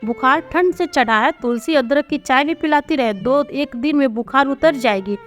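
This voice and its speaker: A woman voicing a calm, matter-of-fact male doctor in a storybook reading. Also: high-pitched, moderate pace, faint music behind, close to an everyday voice.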